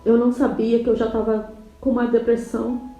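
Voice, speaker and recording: A woman from Brazil tells her personal testimony in a church, her voice high-pitched but warm and mellow. She speaks emotionally and haltingly, tearful at moments, in a roomy, echoing space with soft instrumental music underneath. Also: level tone. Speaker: church member giving testimony.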